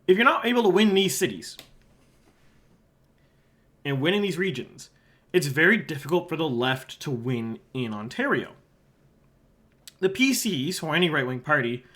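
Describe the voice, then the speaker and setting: Very animated, with a fairly high voice, a moderate pace, and long pauses, a man from Halifax, Canada, talks alone through an election forecast map. He's an election analyst and channel host with a sore throat, speaking casually and offering quieter asides as he points at the map.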